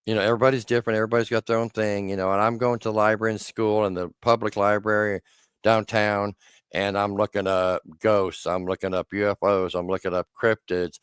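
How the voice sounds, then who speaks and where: A man in his sixties hosts a casual podcast chat, his voice low and resonant. He rambles from memory to memory, breaking off and restarting his sentences, and the sound is close and dry. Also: little pitch movement, a little fast, clear, resonant tone, dry recording. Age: 60s. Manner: rambling, self-interrupting storyteller. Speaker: podcast host.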